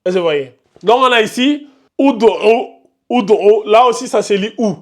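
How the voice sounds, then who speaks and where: A man with a high voice teaches a relaxed online lesson, speaking patiently and going over each term more than once. He keeps checking in with his students to make sure they follow. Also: fairly quick. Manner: patient, repeats terms, asks "vous voyez?" often. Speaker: Quran recitation teacher. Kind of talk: live online tajwid lesson.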